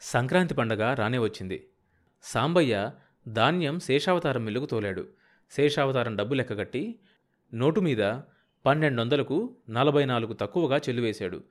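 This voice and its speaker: A man narrating a novel as an audiobook in a steady, measured way. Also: mid-range voice. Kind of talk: novel reading.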